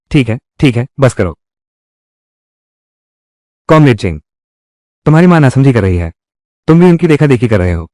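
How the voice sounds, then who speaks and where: A man's voice: mid-range voice, darkish tone, no echo, clean studio sound. A man dubbing all the roles of a drama, with heated, quarrelsome delivery.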